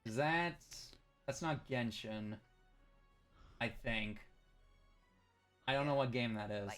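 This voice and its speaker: A man's voice: medium pitch, slow pace, fairly bright tone, faint music behind. A man streaming a game, chatting casually, reading game text aloud and thanking viewers. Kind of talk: casual live-stream commentary.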